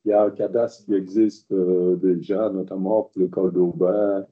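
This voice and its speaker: A man chairing a council meeting as mayor, explaining at length with many hesitations, recorded with dull low-fidelity sound. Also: little pitch movement, moderate pace. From Belgium. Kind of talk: council debate. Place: council chamber.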